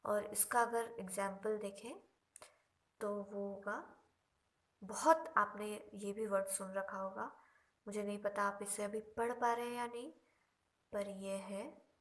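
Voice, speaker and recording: Woman language teacher, slow patient explaining, drawn-out examples, unhurried lesson. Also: medium pitch, steady tone, fairly bright tone. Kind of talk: Korean lesson explained in Hindi.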